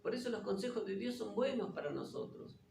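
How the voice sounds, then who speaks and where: A man preaches a testimony-based sermon and drives each point home with repeated questions. His voice sits high for a man and has a gravelly edge. He is heard from a distance in an echoey church room, with faint noise underneath. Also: big pitch swings, a little fast, darkish tone. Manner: retells dialogue with questions and repetition.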